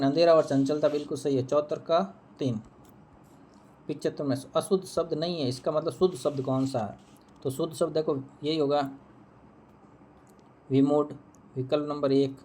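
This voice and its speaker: A man's voice: fairly high pitch, level tone, normal speed, mellow, a little hiss or hum. A man teaching Hindi, walking through an exam answer key, who repeats each answer and asks and answers his own questions.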